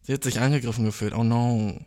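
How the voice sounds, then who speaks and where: A young man telling a funny story casually, animated, swearing a lot and mixing in English slang. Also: mid-range voice, fast.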